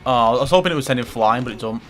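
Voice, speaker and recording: A man's voice: medium pitch, racing, fairly bright tone. A man commentating a fighting game playthrough, rambling and swearing often, with game music faint behind. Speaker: gaming commentator. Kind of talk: let's play commentary.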